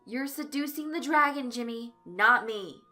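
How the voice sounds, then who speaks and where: A woman's voice: a little high, measured pace, pushed and bright, soft background music, pitched above the performer's own voice. A woman voicing an exasperated teen game master.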